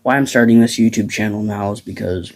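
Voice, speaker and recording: A Midwestern teenage boy who vlogs about farming rambles casually about farms while outdoors at dusk. His voice is lowish and brisk, and his talk is packed with fillers and restarts.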